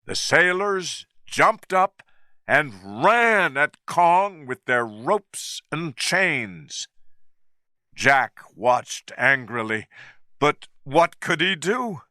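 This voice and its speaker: A man reading a story slowly and clearly for English learners. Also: fairly high pitch, sing-song, pushed and bright, no room sound, studio quality. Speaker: narrator.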